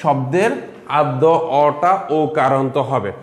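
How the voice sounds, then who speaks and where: A man's voice: mid-range voice, unhurried. A male college teacher giving a recorded lesson, explaining step by step and asking questions that he then answers himself while writing on a board. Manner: writes on a board while talking. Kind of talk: online lesson on Bengali pronunciation. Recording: echoey room.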